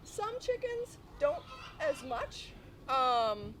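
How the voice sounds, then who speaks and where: A woman's voice: sits high, huge pitch swings, drawn-out words, fairly bright tone, a little hiss or hum. A woman explaining things simply and informally as a farm educator in a casual interview.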